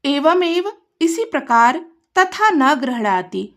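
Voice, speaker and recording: A woman's voice: high voice, sing-song, slow, fairly bright tone. A woman tutor explaining a textbook lesson line by line, reading each word and then glossing it.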